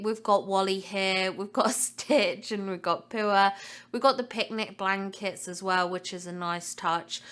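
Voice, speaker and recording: Slightly congested from a cold, a young female gaming channel host chats enthusiastically through casual game commentary, often repeating words for emphasis. Her medium-pitched voice has a sharp tone that comes across clear and resonant.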